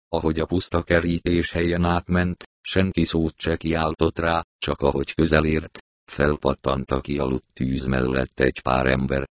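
Deep-voiced male audiobook narrator. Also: no room sound.

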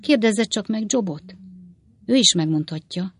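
A woman's voice: mid-range voice, lively intonation, no echo, studio quality, pitched above the performer's own voice, close to an everyday voice. A woman voicing a down-and-out male swindler who talks in short, clipped, jerky phrases. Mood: brash.

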